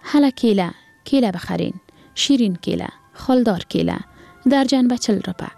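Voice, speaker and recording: Woman doing an old Afghan banana seller, gentle and patient, gravelly. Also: fairly high pitch, animated, dry recording, faint music behind. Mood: hawking. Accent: Afghan Dari. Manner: gentle, lecturing, then hawking loudly.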